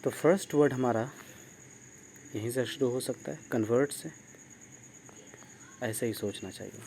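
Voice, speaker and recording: A man's voice: medium pitch, a little slow, vocal fry. A man teaching an online grammar lesson, who asks his class questions, praises their answers and spells words out letter by letter. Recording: steady insect and cricket noise behind.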